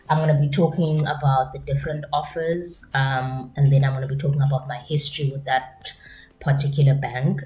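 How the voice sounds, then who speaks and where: A woman's voice: very deep voice, darkish tone. A South African woman in a casual finance vlog, talking chattily through the steps with plenty of fillers, in her morning voice. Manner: chatty, explanatory, many fillers. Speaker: personal finance vlogger. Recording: roomy echo, faint room noise.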